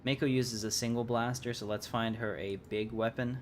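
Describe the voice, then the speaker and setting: This male host talks through his live gameplay in a relaxed way, wondering aloud and pausing while he weighs options. He has a medium-pitched, flat delivery at normal speed, with slight noise behind him.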